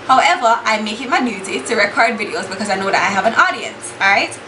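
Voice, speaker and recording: Talking fast in a medium-pitched voice, this young Jamaican woman does her makeup on her beauty channel, speaking bluntly with a Jamaican accent, plenty of swearing, and bits of patois. Steady hiss and room echo sit in the background.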